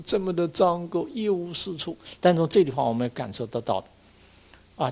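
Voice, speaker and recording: An older man, a Buddhist monk, delivers an earnest dharma lecture, urging his listeners on and filling his pauses with drawn-out sounds. His voice is a little high and creaky.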